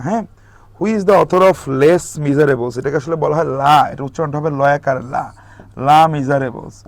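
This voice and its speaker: A young man lecturing for exam preparation, explaining at length, mixing English terms into his speech and pausing on fillers. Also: a little high. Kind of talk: recorded lecture.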